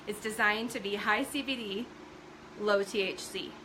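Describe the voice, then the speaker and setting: A woman's voice: mid-range voice, moderate pace, background noise. A middle-aged woman hosting a casual live stream from home, chatty and full of fillers, greeting viewers by name.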